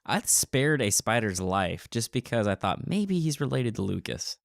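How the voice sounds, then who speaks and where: A man co-hosting a podcast in casual chat, excitable and playfully teasing. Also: mid-range voice, normal speed, creaky, no echo, studio quality. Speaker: podcast co-host.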